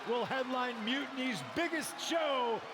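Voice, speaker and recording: An actor playing a boastful wrestling faction leader cutting a promo in a video game cutscene, grandstanding with drawn-out announcements. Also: male voice, very high voice. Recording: game audio over roaring crowd noise.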